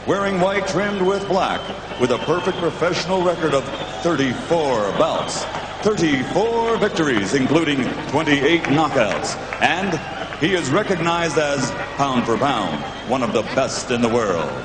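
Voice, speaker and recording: A man announcing boxing introductions formally over an arena PA, building to drawn-out, dramatic calls in the manner of a lucha libre announcer. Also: a little high, expressive. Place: large indoor boxing arena. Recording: echoey arena PA, loud noise.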